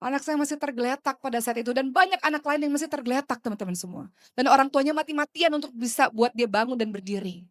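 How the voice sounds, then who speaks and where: A woman in her thirties giving an impassioned religious talk to women, with rhetorical questions, swinging between hushed and loud. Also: sits high, quick pace, no echo, studio quality. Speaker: preacher.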